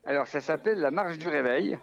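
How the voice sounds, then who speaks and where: A man from the Vosges with a Vosges French accent, a rural family doctor talking casually in an interview, relaxed and hesitant with many fillers and restarts. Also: fairly high pitch, brisk, creaky, muffled recording. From Vosges, France.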